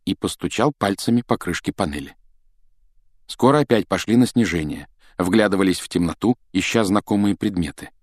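Casting: deep-ish male audiobook narrator, dramatic storyteller, dry close studio sound. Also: expressive, normal speed, no room sound. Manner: dramatic storytelling, voices characters. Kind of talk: expressive audiobook reading.

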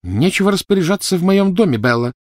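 A man's voice: fairly low pitch, a little fast, warm tone, no echo, clean studio sound, close to an everyday voice. A man voicing a proud, indignant noblewoman who flares up in a storybook reading. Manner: flaring, haughty.

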